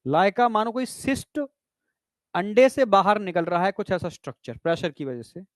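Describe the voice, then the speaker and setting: High-voiced male biology teacher. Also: very animated, normal speed, no room sound, studio quality. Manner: explains step by step, often checking "samajh rahe ho?"; addresses students as "bhai" and "beta". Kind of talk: classroom lecture.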